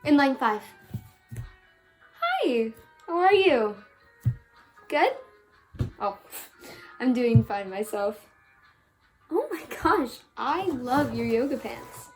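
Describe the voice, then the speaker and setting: A bubbly young cashier, played by a woman, chats with shoppers in a high, light voice that takes its time. She stumbles and restarts nervously, keeping things friendly. Soft music plays faintly underneath. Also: big pitch swings, takes it slowly, long pauses, heavily acted, rough recording. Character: chatty, awkward young female store cashier. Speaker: student actor. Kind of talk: stage monologue.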